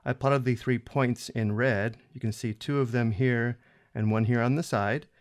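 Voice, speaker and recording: A man explaining a math problem step by step in a screencast lesson, steady and methodical. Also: mid-range voice, moderate pace, no echo, studio quality. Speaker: math instructor.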